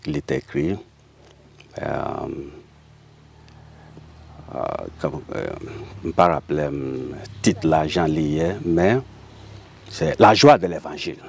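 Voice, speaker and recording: A man from Haiti with a Haitian Creole accent, speaking as a guest in a casual interview, animated and laughing often. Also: rumbling low, gravelly.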